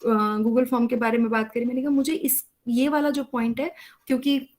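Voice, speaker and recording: A woman's voice: a little high, flat delivery, normal speed, darkish tone. Woman teacher giving an online lecture. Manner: explains patiently, often checks with "है ना?". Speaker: college teacher.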